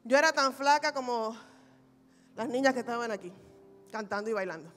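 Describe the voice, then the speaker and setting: High-voiced woman pastor preaching. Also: a little fast. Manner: personal testimony, animated and humorous. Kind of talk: sermon. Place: large church hall. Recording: reverberant church hall recording.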